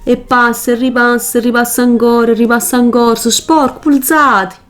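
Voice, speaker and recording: A woman's voice: on the high side, fairly even intonation, fairly quick, a bit bright. A woman with a Neapolitan Italian accent giving a casual, chatty makeup tutorial in dialect, colloquial and emphatic, often repeating herself for stress. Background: music.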